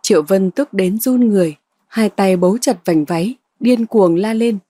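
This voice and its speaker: A woman narrating a novel in a steady storytelling voice. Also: mid-range voice, normal speed, no room sound, studio quality. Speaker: audiobook narrator.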